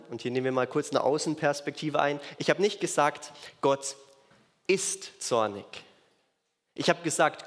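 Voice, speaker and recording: A man's voice: medium pitch, a bit bright. A man preaching a sermon in an earnest way, repeating key phrases for emphasis. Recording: long reverb of a large hall.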